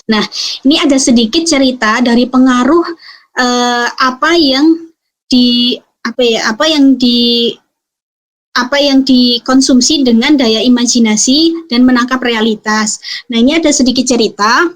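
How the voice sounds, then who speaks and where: High-voiced woman giving a parenting talk. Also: a little slow, long pauses. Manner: explanatory, many fillers and tag questions. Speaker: parenting speaker. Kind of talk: webinar talk.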